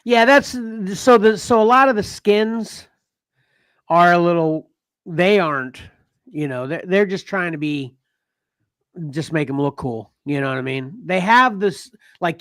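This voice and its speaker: A man hosting a casual comics podcast, rambling with restarts and quick laughs. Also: high-pitched, fairly bright tone, no echo. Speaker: podcast host. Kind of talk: casual chat.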